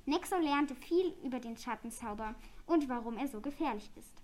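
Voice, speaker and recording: A woman reading a children's story aloud in a plain, even way. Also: sits high, moderate pace.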